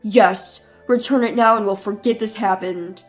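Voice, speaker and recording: A woman's voice: mid-range voice, steady tone, normal speed, soft background music, close to an everyday voice. Woman voicing a stern accusing husband. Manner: blunt, scolding.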